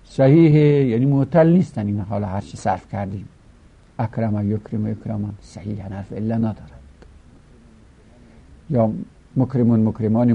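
A man's voice: lowish voice, gravelly, husky. A man teaching a grammar lesson, reciting verb forms in a rhythmic, chanting way. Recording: dull lo-fi recording.

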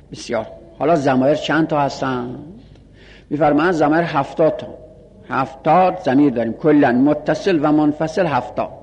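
A man teaching Arabic grammar in a seminary-style lesson, repeating each rule slowly and reciting Arabic phrases and pronoun lists. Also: fairly high pitch, darkish tone, big-room sound, a little hiss or hum.

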